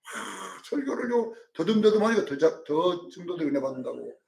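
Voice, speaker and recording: A male pastor preaching a sermon, dramatic, swinging from loud calls to hushed asides and acting out quotes. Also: high voice, sing-song, normal speed, creaky, distant mic. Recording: roomy sound from off-mic.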